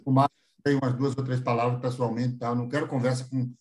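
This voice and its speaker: A man's voice: medium pitch, little pitch movement, quick pace. A man, telling stories as a guest author in a casual, joking interview. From Bahia, Brazil. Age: 50s. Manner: irreverent, joking storyteller who mimics voices.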